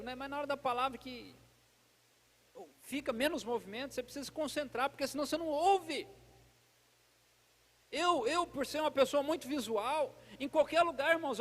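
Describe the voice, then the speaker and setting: High-pitched guy preaching, chatty and lively, talks right to the crowd, big echoey church hall. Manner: lively and chatty, addresses the congregation directly. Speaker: pastor. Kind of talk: conversational sermon. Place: church service.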